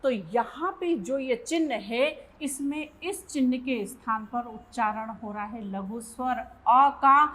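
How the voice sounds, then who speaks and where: A woman teaching a Hindi grammar lesson, asking questions and answering them herself and repeating definitions slowly. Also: a little high, poor audio. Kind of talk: classroom lesson.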